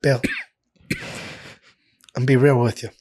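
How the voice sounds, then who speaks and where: A man imitating a huge, soft-spoken male fighter with a lisp and a higher voice, giving blunt advice. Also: flat delivery, a little slow, natural voice.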